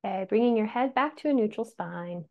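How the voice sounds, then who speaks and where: A middle-aged woman guiding chair yoga in a soothing, gentle instructor's manner with a creaky voice. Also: medium pitch. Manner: soothing, gentle yoga-teacher delivery, unhurried cues. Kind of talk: guided yoga instruction, calling breaths and movements. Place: small indoor room at home. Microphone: video call, a few metres from the camera. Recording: dull lo-fi video-call audio.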